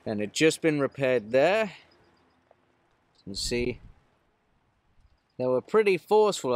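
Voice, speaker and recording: This mechanic, a man in his thirties, narrates a casual work vlog about a repair into a phone camera at arm's length, moving between his van cab and a vehicle outdoors in the rain. His medium-pitched voice has no echo, and he's matter-of-fact with lots of fillers.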